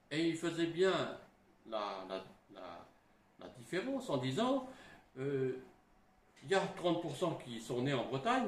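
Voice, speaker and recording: A middle-aged man speaks as a historian, slow and unhurried, his pitch rising and falling a lot. He talks in a halting way, restarting phrases and tagging them with little asides. The room sounds roomy, with faint ambience behind him. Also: a little hiss or hum. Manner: halting, frequent "hein" and restarts. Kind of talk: explanatory talk.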